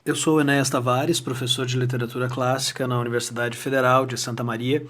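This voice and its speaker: A man's voice: mid-range voice, little pitch movement, fast talker, a bit bright. A male literature professor and author, introducing himself in an articulate, composed way. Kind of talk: self-introduction.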